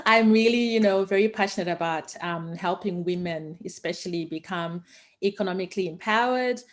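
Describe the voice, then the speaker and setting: A woman from Zimbabwe speaks at a normal pace in a medium-pitched, animated voice. She's a guest on a casual interview, the founder of an investing education company, and she talks with enthusiasm and passion, using lots of fillers.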